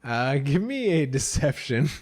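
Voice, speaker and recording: A young man running a tabletop game, speaking slowly with a lively, rising and falling voice. He sounds relaxed and hesitant, with plenty of fillers. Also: mid-range voice, dry recording, clean studio sound. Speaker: game master.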